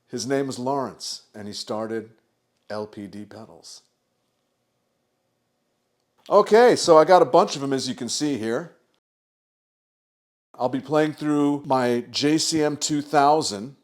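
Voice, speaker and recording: A man's voice: medium pitch, slow, pauses often. Man telling a story, then demoing pedals. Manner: animated storyteller acting out quotes. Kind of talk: casual storytelling and gear demo.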